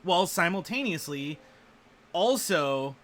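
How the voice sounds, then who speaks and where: A man hosting a show, giving sarcastic, animated political commentary while reading the news aloud. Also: a little high, a little slow. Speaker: show host.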